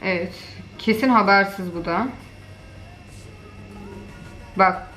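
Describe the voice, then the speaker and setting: A woman hosting a casual reaction video, talking in an animated, joking way full of exclamations and mock outrage. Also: medium pitch, takes it slowly, faint music behind.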